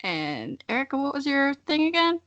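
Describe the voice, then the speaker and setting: A bright, sing-song woman's voice pitched high, talking at a normal speed on a lo-fi recording. She's an American podcast host in her early twenties from Missouri, keeping the chat casual, comedic, informal and self-deprecating.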